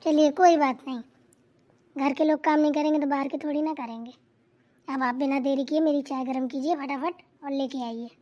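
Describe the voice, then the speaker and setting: A woman's voice: sits high, fairly even intonation, darkish tone, lightly acted. Woman voicing a bossy, chatty cartoon sister-in-law. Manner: quick, bossy, advising. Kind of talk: cartoon voice acting.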